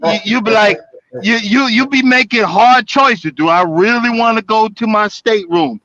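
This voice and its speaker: A man's voice: high-pitched, moderate pace, pushed and bright, lo-fi sound. A man chatting casually as a guest on a live stream, stammering and repeating words as he tells a story. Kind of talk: casual chat.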